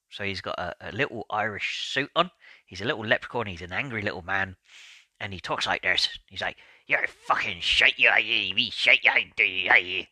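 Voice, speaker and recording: Bright-voiced man hosting a self-help podcast. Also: lowish voice, dry recording. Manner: earnest, explanatory, conversational. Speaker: podcast host.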